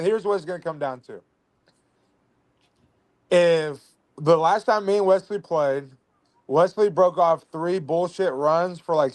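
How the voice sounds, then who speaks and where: A man calling into an online sports show, talking trash in a boastful, brash way with plenty of swearing. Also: on the high side. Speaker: guest player calling in. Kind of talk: trash-talking casual chat.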